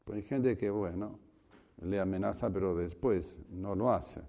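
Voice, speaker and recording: A man, a priest, giving a spiritual retreat conference, telling stories and acting out voices with sudden shouts. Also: deep voice, unhurried. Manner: storytelling, acts out voices with loud shouts.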